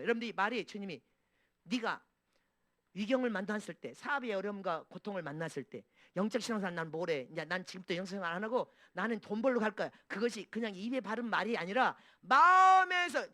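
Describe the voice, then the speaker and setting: A man with a high voice preaches at a rapid clip. He repeats phrases for emphasis and keeps asking the congregation to answer him. The sound is dry and close, with no room echo. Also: sharp tone. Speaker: pastor. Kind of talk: preaching a sermon.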